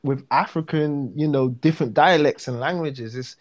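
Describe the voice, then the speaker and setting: A man with a South London accent in a relaxed casual chat, full of fillers and restarts. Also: a little high, moderate pace. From South London, England.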